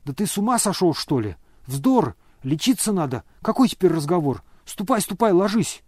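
A man's voice: fairly high pitch, expressive, moderate pace, dark tone, no echo, studio quality. A man voicing an indignant older noblewoman who scolds and exclaims. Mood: alarmed.

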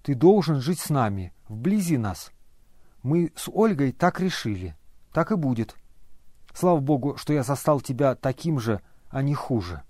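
A man reading a novel aloud and voicing an energetic, resolute grown man who speaks urgently and insistently to an old friend. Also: mid-range voice, normal speed, dry recording, clean studio sound. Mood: insistent, concerned.

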